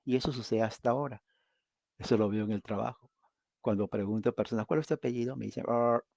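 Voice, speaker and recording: A man's voice: medium pitch, fast, gravelly, a little mellow, no echo. A man preaching a conversational Bible study, often asking his listeners questions. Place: United States.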